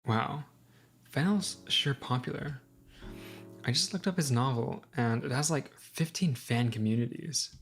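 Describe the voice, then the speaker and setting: A woman voicing a blunt, sharp-tongued teenage girl who teases and scolds. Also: a bass voice, measured pace, soft background music. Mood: casual. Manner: teasing, scolding.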